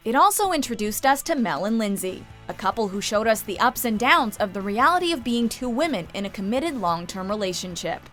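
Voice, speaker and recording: A woman's voice: a little high, animated, a little fast, hardly any pauses, a bit bright, soft background music. A woman reading scripted narration as the narrator of a countdown video.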